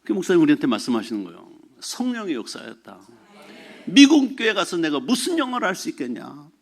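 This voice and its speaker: Lively high-voiced pastor preaching. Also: male voice, fast talker. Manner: animated storytelling, mixes formal and casual speech, shouts acted exclamations. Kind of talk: sermon. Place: church sanctuary.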